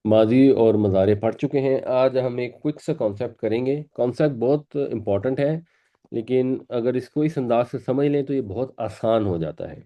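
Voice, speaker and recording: A man gives a classroom lesson, explaining each point patiently and repeating words for his students. His mid-pitched voice is mellow and warm. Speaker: Quran teacher.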